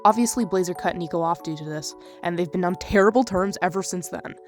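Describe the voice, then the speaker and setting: A woman's voice: fairly low pitch, a little fast, music in the background. Blunt, scornful woman commentator. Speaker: commentary channel host. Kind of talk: scripted commentary narration.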